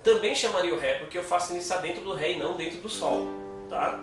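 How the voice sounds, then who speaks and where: A man's voice: high voice, quick pace. A Brazilian man giving a casual guitar lesson, patiently explaining and counting beats aloud. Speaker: guitar teacher. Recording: echoey room, mic at a distance, guitar playing.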